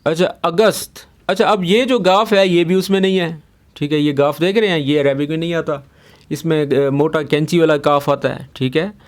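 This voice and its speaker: A man's voice: a little high, fairly even intonation, normal speed. A young man, teaching a casual language lesson and patiently repeating each word several times. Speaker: Arabic teacher.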